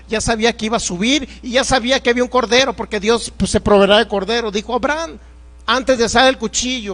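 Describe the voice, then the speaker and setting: A man's voice: high voice, fairly bright tone. A man preaching a sermon as pastor, emphatic and confrontational, firing rhetorical questions at the congregation.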